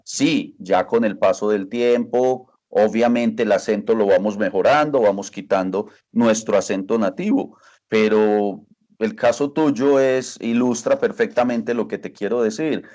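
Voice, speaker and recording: A man's voice: on the low side, a little mellow. A man answering interview questions as a language teacher, earnest and repeating phrases for emphasis.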